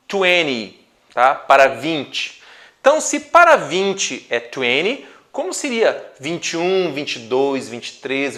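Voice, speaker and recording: A man with a lively, high-ranging voice gives an English lesson at an unhurried pace. He patiently explains pronunciation and leans on the example words to show stress. His first language is Portuguese. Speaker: English teacher.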